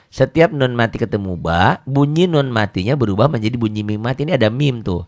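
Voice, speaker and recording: A middle-aged man, teaching Quran reading in a casual, joking way, often repeating words and reciting verses slowly. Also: medium pitch, lively intonation, a little mellow.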